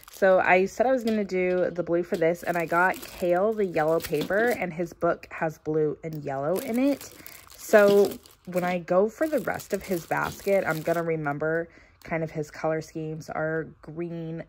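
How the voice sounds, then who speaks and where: A woman's voice: fairly low pitch, a little hiss or hum. Chatty woman showing a holiday haul. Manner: chatty, thinking aloud, soft laughs. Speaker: vlogger. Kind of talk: casual haul voice-over. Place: carpeted room at home, indoors.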